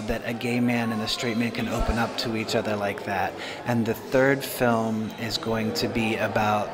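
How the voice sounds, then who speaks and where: A man answers an interview question at a slow, deliberate pace. He sounds earnest and thoughtful, with people murmuring behind him. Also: lowish voice. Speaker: filmmaker being interviewed.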